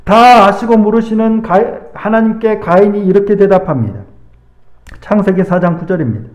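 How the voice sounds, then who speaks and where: A male pastor delivering a sermon in a slow, deliberate preaching manner, now and then acting out the voices he quotes. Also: sits high, a little mellow, roomy sound, dull audio. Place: church sanctuary.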